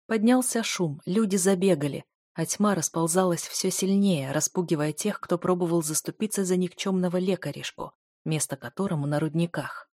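A woman's voice: on the low side, moderate pace, darkish tone, no room sound, studio quality. Woman narrating a fantasy audiobook.

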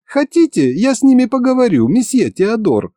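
A man's voice: very high-pitched, big pitch swings, moderate pace, mellow, dry recording, clean studio sound, voice pushed up. A man doing a polite fanged young woman. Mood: polite serious. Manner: formal and courteous.

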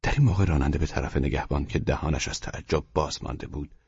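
A man narrates a storybook in a grave, measured tone. His voice is extremely deep and very husky. The recording is dry and dull, with a lo-fi sound. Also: darkish tone, no room sound. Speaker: audiobook narrator. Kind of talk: scripted narration.

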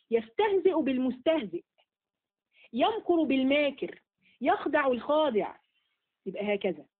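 A woman with an Egyptian accent teaching an online Quran lesson, asking quick questions and repeating key words. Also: a little high. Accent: Egyptian Arabic. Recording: phone-like narrow audio.

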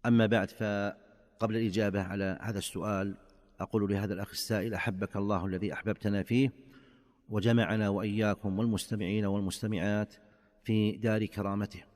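A man, a religious scholar, answering in formal Standard Arabic in short, deliberate phrases. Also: fairly low pitch, little pitch movement, darkish tone, long reverb tail.

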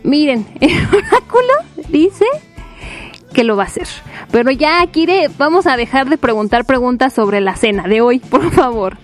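A woman's voice: sits high, expressive, normal speed, faint music behind. A woman, chatting casually on a live stream, giggling often and reading out her viewers' messages. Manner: giggly, playful, reads chat aloud.

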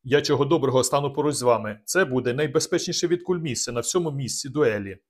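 Man voicing a blunt older squire, booming, hot-tempered, mid-pitched, audiobook. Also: fast talker, lightly acted. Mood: gruff. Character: older country squire host, hot-tempered but caring.

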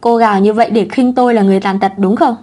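A woman reading the lines of a sharp-tongued young mother who answers sarcastically. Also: mid-range voice, fairly even intonation, racing, lightly acted.

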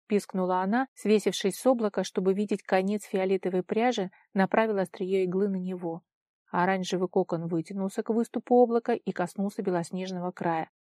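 A woman narrating a storybook in an even, steady read. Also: mid-range voice, dry recording, clean studio sound. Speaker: audiobook narrator. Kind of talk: scripted narration.

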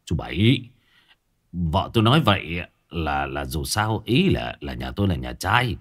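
A man reading a story, voicing a shocked old village father who stammers and repeats his words in a low, halting voice. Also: big pitch swings, breathy edge, full character voice.

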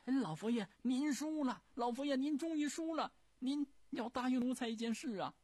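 A man voicing a sly, fawning male eunuch servant at an imperial court, wheedling and shrill. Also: lively intonation, moderate pace, vocal fry, darkish tone, husky, no echo, heavily acted. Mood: pleading.

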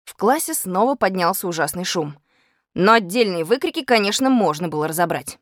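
Expressive woman reading a storybook. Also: lowish voice, brisk, dry recording, studio quality. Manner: expressive, lively. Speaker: audiobook reader. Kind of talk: storybook narration.

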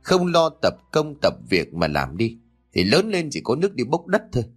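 A man voicing a harsh, nagging old grandmother who scolds rapidly, in an audio story. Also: medium pitch, wildly swooping pitch, breathy edge, faint music behind. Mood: scolding.

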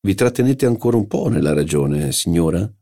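A pedantic old country aristocrat, read by a man, lecturing at length on coats of arms. The voice sits low and gravelly, with a dark, mellow colour. He is precise and fussy about detail. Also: expressive, brisk. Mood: polite. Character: older provincial nobleman, pedantic about heraldry.

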